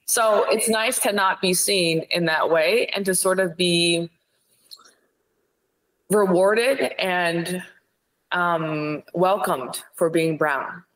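A woman from Ohio, a psychiatrist guest, talking in a direct, blunt and animated way in a casual interview. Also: fairly low pitch, slow, poor audio. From Ohio, USA.

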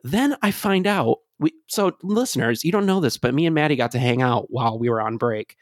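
A man with a Great Lakes Michigan accent co-hosting a casual podcast, telling stories in an animated way and acting out quotes. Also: mid-range voice, brisk, dry recording, clean studio sound. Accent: Michigan, Great Lakes Midwestern. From Michigan, USA. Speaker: podcast co-host. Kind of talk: casual film podcast chat.

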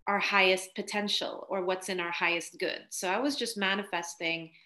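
A woman speaks at a moderate pace in a steady, medium-pitched voice with a pushed, bright quality. She's a spiritual coach appearing as a podcast guest, telling her story chattily with frequent laughs and "like" fillers.

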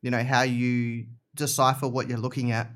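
A man's voice: mid-range voice, level tone, normal speed, fairly bright tone. A man chatting casually as a podcast guest, explaining things informally and repeating short phrases for emphasis. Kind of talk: casual chat.

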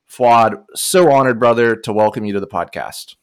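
A man's voice: medium pitch, normal speed, smooth, dry recording, studio quality. A man co-hosting a podcast, introducing a guest with enthusiasm. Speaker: podcast co-host.

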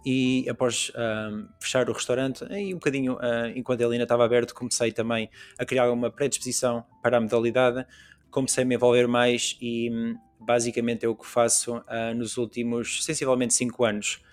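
Flat-voiced Portuguese man, hesitant. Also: medium pitch, fairly quick, clean tone, soft background music. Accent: European Portuguese. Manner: hesitant, many fillers and restarts. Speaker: podcast guest. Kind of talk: casual conversation.

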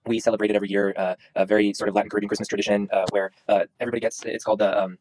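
A man's voice: lowish voice, level tone, racing, a little mellow, dry recording, poor audio. A young man from Venezuela, a guest dentist in a casual podcast interview, talking in a rambling way with lots of restarts. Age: young adult. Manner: rambling, frequent restarts and ums.

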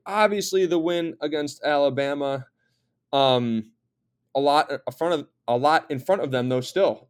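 A man hosting a sports podcast in casual talk, chatty and hesitant with frequent fillers. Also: medium pitch. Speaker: podcast host.

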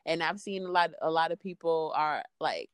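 Low-pitched woman. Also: normal speed, smooth, no room sound, studio quality. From Queens, New York. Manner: informal, peppered with "like" and "you know". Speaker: interview guest, freelance podcaster. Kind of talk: casual conversational interview.

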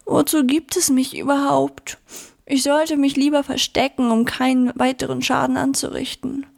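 A lonely, clumsy sun from a storybook, sighing and full of self-pity, as a woman reads her. The voice sits a bit high and sounds plaintive, keeping to a gentle bedtime pace. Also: level tone, normal speed, vocal fry. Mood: despairing.

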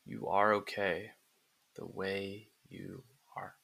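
A man narrating a guided relaxation script like a sleep story, in calm, soothing, deliberate phrases with pauses. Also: deep voice, gravelly.

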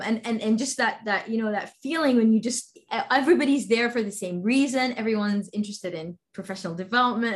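A woman from Sudan, a guest in an interview, talking enthusiastically with many fillers and restarts. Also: a little high. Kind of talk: interview conversation.

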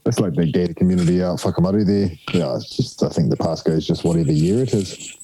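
A man's voice: low-pitched, fast talker, warm tone, a little hiss or hum, rough recording. A man chatting casually. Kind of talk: casual chat.

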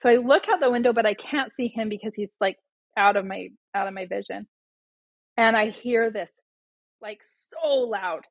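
Chatty woman telling stories, husky voice. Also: a little high, normal speed, no echo, lo-fi sound. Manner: animated, acts out quoted voices, many fillers. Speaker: podcast guest, doula. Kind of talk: casual storytelling chat.

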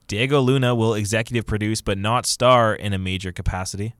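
Low-voiced man reading movie news. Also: steady tone, fairly quick, fairly bright tone, smooth, no echo, clean studio sound. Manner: upbeat, reads news items off a list. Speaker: podcast co-host. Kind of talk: casual movie news chat.

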